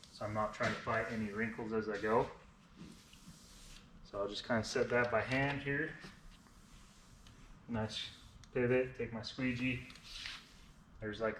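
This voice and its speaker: With a medium-pitched, fairly bright voice and a faint lisp caused by braces, a man in his thirties walks viewers through a vinyl wrapping job step by step. He narrates informally as he works in a garage workshop, recorded from a nearby tripod camera amid echo, clear background noise and clicks.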